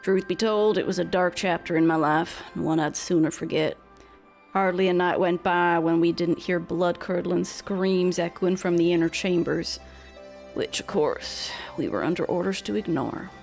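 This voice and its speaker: A woman voicing a grim retired male palace guard in a game, with a low, somber, slow delivery. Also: gravelly, a little mellow, soft background music. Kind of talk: reading game dialogue aloud in voices.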